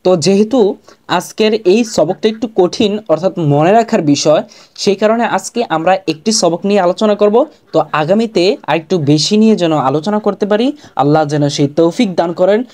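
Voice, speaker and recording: Language teacher, online lesson, patient drilling, repeats syllables, middle pitch. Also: brisk, darkish tone. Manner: patient, repeats each syllable and asks then answers.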